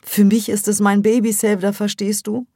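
A woman reading an audiobook, voicing a distraught middle-aged mother who pleads in a high, strained voice. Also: unhurried, no echo, clean studio sound. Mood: tearful.

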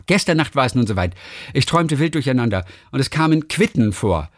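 A man hosts a relaxed podcast and reads listener mail aloud, stumbling and restarting as he goes. His voice swings widely up and down as he tells the stories. The recording is close and dry, with no room sound. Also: medium pitch, fairly quick, no echo. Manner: lively, animated storytelling with many restarts. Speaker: podcast host. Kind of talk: reading listener mail in casual chat.

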